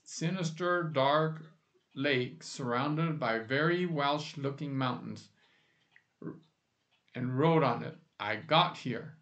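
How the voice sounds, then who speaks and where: A man reading a novel aloud in a slow, measured way. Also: mid-range voice, a bit bright. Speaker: narrator.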